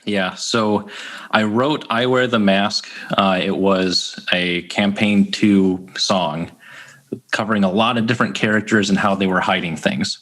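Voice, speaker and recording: A man with a very low voice talks as a guest in a casual interview. His speech is halting, full of restarts and fillers as he gathers his thoughts. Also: fairly even intonation, a bit bright. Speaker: songwriter guest.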